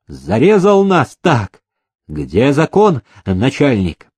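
A man's voice: mid-range voice, wildly swooping pitch, takes it slowly, darkish tone, slightly rough, dry recording, heavily acted. A man voicing a desperate village elder who cries out and pleads. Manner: pleading, crying out.

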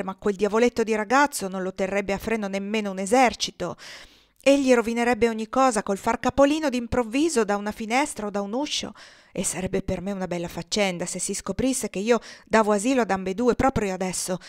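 A woman voicing a worried middle-aged male senator who grumbles in a deliberate, measured way in a storybook reading. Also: mid-range voice, lightly acted.

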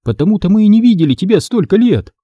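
A bubbly middle-aged aunt, as a male reader puts her on, with a high, swooping voice. She exclaims and fusses over everyone. The tone is mellow and a little husky. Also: sing-song, fast talker, dry recording, studio quality. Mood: fond. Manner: exclaiming, scolding. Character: cheerful middle-aged aunt, fussy and warm.

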